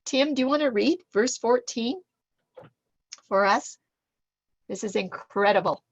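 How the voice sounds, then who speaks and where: A woman teaching a Bible lesson to a small group, reading scripture aloud with lively emphasis. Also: on the high side, measured pace, slightly rough, no echo, lo-fi sound.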